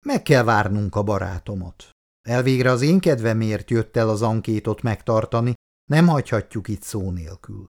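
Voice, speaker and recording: A man's voice: lowish voice, lively intonation, gravelly, darkish tone. A man reading a story aloud, voicing a blunt, practical young man who talks plainly and teases. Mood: friendly. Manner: plain-spoken, teasing. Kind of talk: read-aloud story dialogue.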